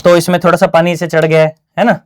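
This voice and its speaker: A man's voice: on the high side, little pitch movement, quick pace. A man teaching physics in a loose, joking way, recording in a small studio. He talks to students like old friends, throwing in slang and constant check-ins. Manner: chatty, slangy, keeps asking "है ना?". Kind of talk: casual online exam-prep lesson.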